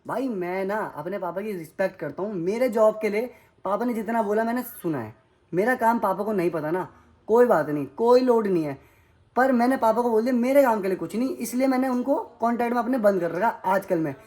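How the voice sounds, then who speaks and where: A man's voice: sits high, expressive, a little fast, a little mellow. A young man from India venting angrily in a home vlog, with heated, accusing, repetitive outbursts at his brother. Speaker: vlogger. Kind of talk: angry vlog rant to camera. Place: family home, indoors.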